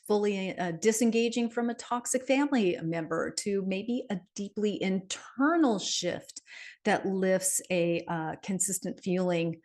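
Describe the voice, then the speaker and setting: A woman's voice: mid-range voice, darkish tone. A middle-aged woman giving a casual monthly numerology forecast, chatty, with many fillers and tag questions. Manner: chatty, frequent "right?" and fillers, light laughs.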